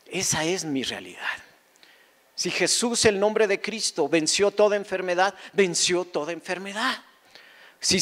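A man preaching a sermon as a pastor, fervent, firing rhetorical questions and repeating key phrases. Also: high-pitched.

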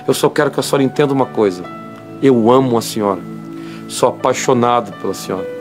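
A man voicing a sad, affectionate teenage boy who speaks quietly. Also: medium pitch, fast, over music, pitched below the performer's own voice, lightly acted. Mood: sad hush.

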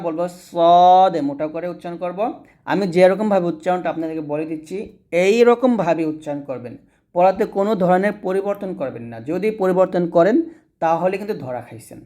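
A man leads a Quran reading lesson in a fairly high voice. He says each letter sound slowly and more than once, patiently, so learners can repeat it after him. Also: warm tone. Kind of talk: teaching lesson.

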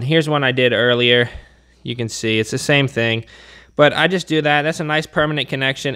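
In a smooth, mid-range voice that sounds pushed and bright, the man hosts a hands-on repair tutorial from his workshop. He talks casually, narrating as he works with his hands.

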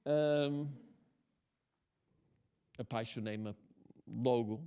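A man in his sixties with an American English accent tells anecdotes in a relaxed interview. He speaks Portuguese as a second language and keeps stopping to restart words. His pitch sits at a middle height for a man. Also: clear, resonant tone. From United States. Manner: halting, many restarts and fillers. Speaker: writer being interviewed. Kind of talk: casual interview talk.

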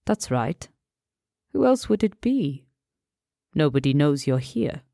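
A woman doing a suave man with a deep Persian accent. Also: vocal fry, dry recording, clean studio sound, full character voice. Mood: calm, amused. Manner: calm, teasing, unhurried.

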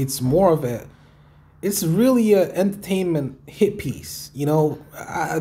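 A man's voice: a little high, dark tone. A man casually talking through viewer comments as a video creator, rambling and repeating himself with some swearing. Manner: rambling, repetitive, often swearing. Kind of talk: casual talk, reading and answering comments.

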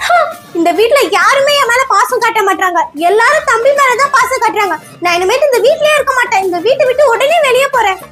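A lazy, scheming little cartoon girl, as a woman voices her, whines and plots in an extremely high, squeaky voice. Her talk is childlike and sulky, and clear music plays behind her. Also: expressive, brisk. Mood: whining. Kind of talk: cartoon comedy dubbing. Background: background music.

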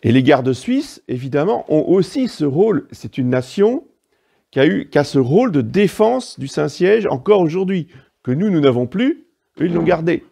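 A man preaches a sermon in a didactic, emphatic way. His pitch rises and falls freely, and his voice is gravelly with a mellow, dark tone. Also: very animated, normal speed. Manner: didactic, emphatic asides, frequent "hein" and "vous voyez". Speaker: priest.

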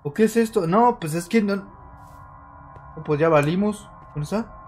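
A man streaming a horror game, chatting to his viewers and getting jumpy and excitable, yelling when scared. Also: high voice, a little slow, faint music behind. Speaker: gaming streamer. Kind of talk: let's-play commentary.

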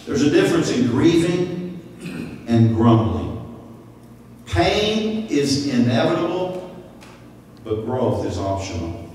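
A man, preaching a sermon at a stand mic in a church, animated, with sudden high-pitched voices for the people he quotes. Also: takes it slowly, pauses often, far from the mic, slight background noise. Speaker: pastor. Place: church sanctuary. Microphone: stand mic at lectern. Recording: echoey hall, from off-mic.

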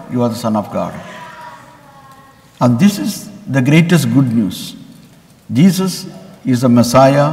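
A man from India, a visiting bishop, giving a Sunday homily in an earnest storytelling manner with pauses. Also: mid-range voice, darkish tone. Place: large church. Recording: long church reverb.

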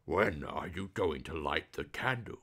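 A red-faced, horned storybook goblin, put on by a male reader, speaking in a low, slow drawl. His voice is pitched near the reader's own, with a brighter, edgier tone. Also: expressive, full character voice. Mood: sly.

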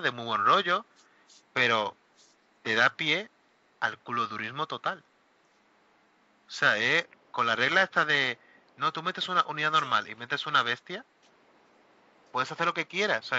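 A man hosting a casual hobby talk show, animated and exclaiming, often acting out what other players say. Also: medium pitch, no room sound. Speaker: host of a miniature wargaming talk show. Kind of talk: casual panel chat. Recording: dull lo-fi recording.

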